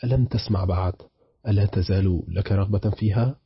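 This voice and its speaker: A man with a very deep, husky voice reading the lines of a cold, sarcastic betrayed husband in a storybook. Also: brisk, no room sound, dull audio, full character voice. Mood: cold mocking. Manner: icy, mocking, calm.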